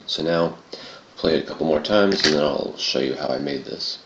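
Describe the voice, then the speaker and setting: A man with an extremely low, gravelly voice walks through a software tutorial in a casual style. His throaty tone comes through a dull, lo-fi home recording with roomy echo. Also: normal speed. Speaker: tutorial presenter. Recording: muffled, roomy home recording with clear noise.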